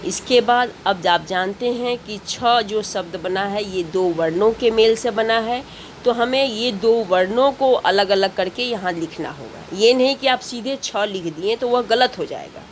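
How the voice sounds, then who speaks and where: A woman's voice: mid-range voice, a little slow, slight background noise. A woman teacher giving a grammar lesson to schoolchildren, patiently repeating and spelling out each step.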